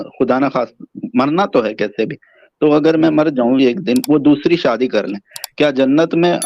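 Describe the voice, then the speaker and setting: A man calling in to ask a question, speaking hesitantly with halting restarts over a poor, muffled call connection. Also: a little high, vocal fry. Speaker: caller on a live question session. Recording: dull lo-fi dry call audio.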